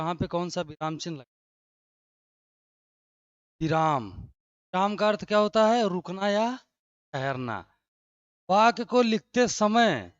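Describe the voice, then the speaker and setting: This online grammar lesson comes from a man with a high, clean voice who explains each step, asks questions he answers himself, and often checks in with "right?" The audio is dry and dull, lo-fi, with no echo.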